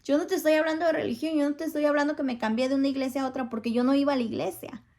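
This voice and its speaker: Middle-aged woman, church testimony speaker: earnest and pleading, somewhat high voice with a gravelly edge. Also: steady tone, racing, a little mellow. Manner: earnest, pleading, asks listeners for agreement. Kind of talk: spoken testimony to a congregation.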